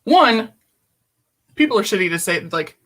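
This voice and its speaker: A woman's voice: mid-range voice, lively intonation, measured pace, fairly bright tone. A woman guest telling a personal story in conversation, blunt and emphatic, swearing freely, over a video call.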